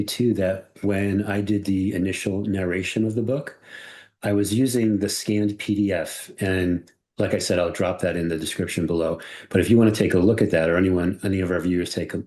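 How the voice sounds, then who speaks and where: Middle-aged man, very low voice, playful host, chatty conversation. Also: brisk. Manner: animated, playful, slips into character voices. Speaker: podcast host and audiobook narrator. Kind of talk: casual conversation.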